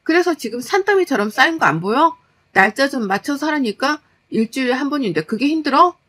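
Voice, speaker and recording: A woman voicing an exhausted, fed-up young working wife, scolding in a sharp, exasperated way. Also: high voice, animated, a little fast, pitched above the performer's own voice.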